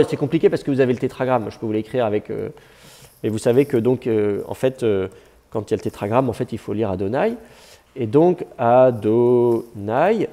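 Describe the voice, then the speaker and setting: A man's voice: mid-range voice, dark tone. A man teaching a classroom lesson, explaining patiently with frequent fillers and restarts.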